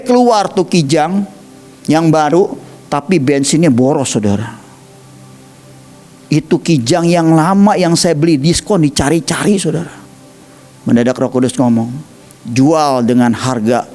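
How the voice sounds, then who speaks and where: A man with an Indonesian accent preaching a sermon, telling stories animatedly and acting out quoted voices. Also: fairly high pitch. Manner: animated storytelling, acts out quoted voices, addresses listeners as 'saudara'. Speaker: evangelist preacher.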